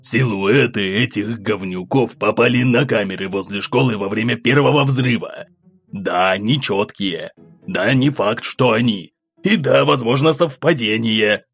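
A male narrator voicing a gruff, angry middle-aged count who grumbles at his wife and daughter. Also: fairly low pitch, measured pace, fairly bright tone, soft background music, heavily acted. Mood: angry grumbling.

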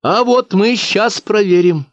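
A man's voice: fairly high pitch, animated, normal speed, dry recording, voice pushed up, natural voice. Man doing a firm young village schoolteacher. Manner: earnest, explaining. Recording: dry, slightly dull audiobook recording.

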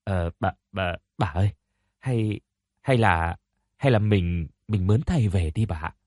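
A man voicing a timid female servant who stammers and pleads in a hushed voice. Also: deep voice, a little slow, dry recording, clean studio sound, pitched below the performer's own voice. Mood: timid pleading. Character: timid frightened female servant, middle-aged.

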